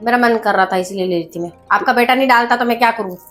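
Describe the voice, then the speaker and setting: A woman's voice: a little high, fast, a bit bright, soft background music. A woman acting a sassy, bantering wife in a comedy sketch. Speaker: comic actress.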